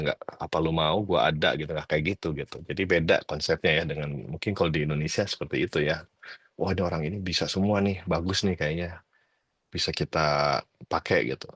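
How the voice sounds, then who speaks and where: Very deep-voiced man, relaxed and rambling. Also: no echo, clean studio sound. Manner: relaxed, hesitant, many fillers, mixes in English words. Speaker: guest advisor on working abroad. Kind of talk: casual advice talk. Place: lives abroad, talks from home.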